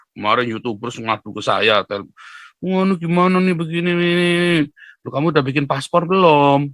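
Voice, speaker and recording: A man giving an animated, lecturing monologue to his viewers, often pushing his voice up toward a near-shout. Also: medium pitch, no room sound. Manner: rhetorical tag questions. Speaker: YouTube commentator. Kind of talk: casual monologue.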